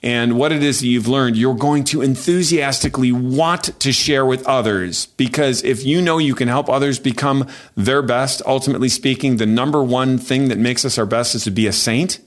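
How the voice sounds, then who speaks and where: Male podcast host, mid pitch, animated, emphatic, faith advice talk. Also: normal speed, few pauses.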